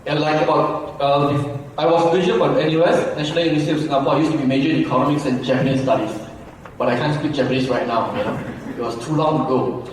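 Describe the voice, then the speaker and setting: A man in his forties from Malaysia gives a talk in a big hall, with a slightly high voice. He keeps asking the crowd "right?". The sound is distant and echoey with a long reverb tail. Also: quick pace, slight background noise. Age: 40s. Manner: conversational, asks the audience questions and keeps adding "right?". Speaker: business speaker. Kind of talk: motivational seminar talk.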